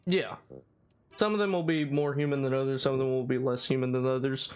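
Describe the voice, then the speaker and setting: A man's voice: medium pitch, fairly even intonation, fairly quick, smooth. A young man hosting a casual guessing game, rambling, repeating words and laughing often as he explains. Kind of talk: casual chat. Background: background music.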